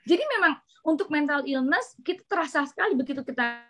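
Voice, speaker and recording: Wanita dokter anak asal Indonesia, suara tinggi, bercerita dengan hidup. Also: female voice, high voice, quick pace. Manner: animated storyteller, mixes English terms. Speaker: pediatrician guest. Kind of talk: casual interview chat.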